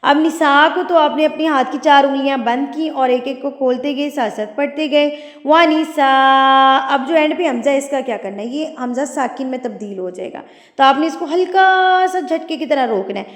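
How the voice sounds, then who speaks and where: A woman teaching Quran recitation rules, patiently explaining each point. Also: high voice. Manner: explains patiently, then recites slowly and drawn out. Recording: echoey room with long reverb.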